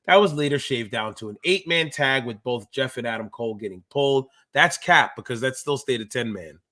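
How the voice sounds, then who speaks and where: A man in his thirties co-hosts a pro wrestling podcast and is himself an active pro wrestler. He chats and comments casually in slangy insider talk, with a mid-range voice that runs a little fast and sounds pushed and bright.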